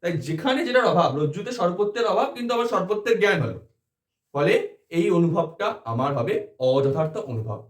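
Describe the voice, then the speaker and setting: A man tutoring philosophy students in an exam-prep lecture, explaining step by step with a Bengali accent and checking understanding with quick questions. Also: high voice, expressive, reverberant.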